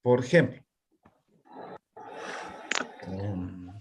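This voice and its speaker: Speaking extremely slowly in a deep voice with vocal fry, a man leads an online language lesson, testing his students and tacking on tag questions to see if they follow. Heavy background noise sits under the recording.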